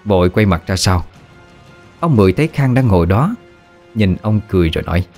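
A man narrating a ghost story in a steady, dramatic way. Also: sits low, fairly quick, faint music behind.

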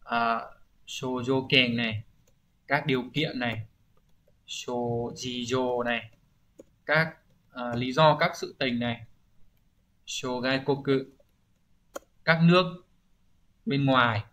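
A man's voice: mid-range voice, fairly even intonation, slow, pauses often, bright, forceful tone. A man teaching an exam-prep vocabulary lesson, explaining each answer and often checking understanding with rhetorical questions. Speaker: Japanese language teacher.

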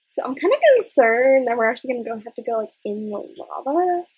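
A woman hosting a Minecraft channel, chatting casually through co-op gameplay and shout-outs, giggly and hesitant, full of "um" and "like". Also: a little high, lively intonation, brisk, breathy edge. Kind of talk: casual gameplay chat and video outro.

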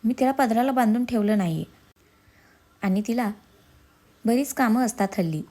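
Woman reading as a calm mother-in-law, dry, sarcastic, warm tone. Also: fairly high pitch, normal speed, pitched above the performer's own voice, natural voice. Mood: wry.

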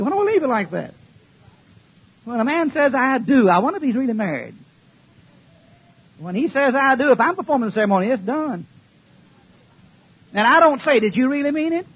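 A preacher delivers a fiery, folksy sermon in a high, husky voice, trading jokes with the church and swinging from shouts to hushed asides. The old recording sounds dull and muffled. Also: male voice. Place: church before a congregation.

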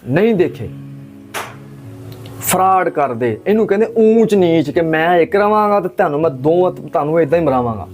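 A man's voice: fairly high pitch, expressive, moderate pace, darkish tone. A man from Pakistan giving an impassioned religious talk, driving points home with rhetorical questions and emphatic repetition. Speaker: religious speaker.

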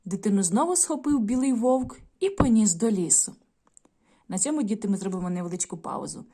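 A woman teacher in a video lesson, reading a folk tale aloud and addressing the children in a clear, measured storytelling manner. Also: medium pitch, expressive, warm tone. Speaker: primary school teacher.

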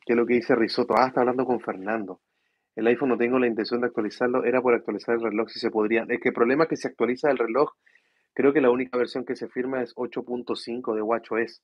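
A tired man, hosting a casual tech livestream from home and speaking softly so his sleeping kids don't wake. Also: mid-range voice, steady tone, a little fast, dry recording, dull audio. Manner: speaks softly to avoid waking his children. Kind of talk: casual live chat reading viewer questions. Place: room at home at night.

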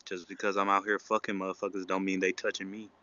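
Blunt, defensive man with a bright voice. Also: sits low, completely flat delivery, fast talker, dry recording, highs cut off. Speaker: livestream guest. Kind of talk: casual crude chat.

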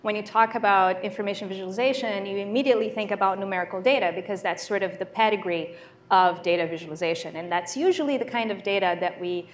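Speaking fast in a mid-range voice, the Brazilian-accented woman presents her keynote demo live in a big lecture hall. She explains things conversationally and says um often.

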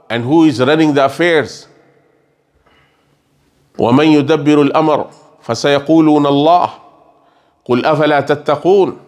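The speaker is a middle-aged religious scholar with a medium-pitched, somewhat mellow voice, preaching a sermon lecture with Quran recitation inside a mosque lecture room. He talks into a table stand mic, explaining with earnest repetition of phrases and gesturing as he goes.

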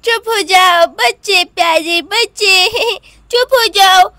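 A woman voicing a clumsy little boy who uses broken baby-talk and draws his words out slowly. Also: very high voice, bright, forceful tone, no echo, clean studio sound, exaggerated voice. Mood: soothing, pleased. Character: little boy, clumsy, soothing crying babies.

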